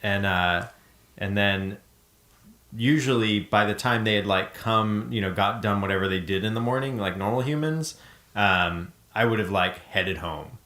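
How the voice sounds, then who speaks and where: A man's voice: fairly low pitch, normal speed, reverberant. A man hosting a podcast, telling a story in casual chat, rambling with lots of fillers. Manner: relaxed, rambling storytelling with many fillers and laughs. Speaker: podcast host.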